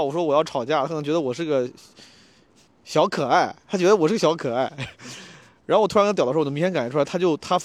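A young man, a comedian, telling a story to camera in a casual vlog, animated and slangy, stumbling and restarting his sentences. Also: on the high side. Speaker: stand-up comedian vlogger.

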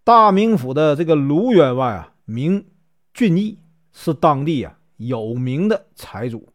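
A man's voice: on the high side, very animated, measured pace, dry recording. A man, telling a classic tale in a chatty folk storytelling style, stretching out his filler particles.

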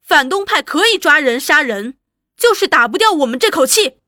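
A woman's voice: on the high side, lively intonation, moderate pace, fairly bright tone, no echo, studio quality. A woman voicing a fervent young revolutionary woman. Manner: firm, fervent, emphatic. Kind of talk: audiobook character voice.

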